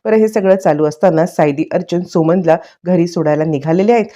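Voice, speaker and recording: A woman's voice: on the low side, brisk, dark tone. A woman casually retelling a TV serial episode in a chatty storytelling way. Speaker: narrator. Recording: dull lo-fi recording.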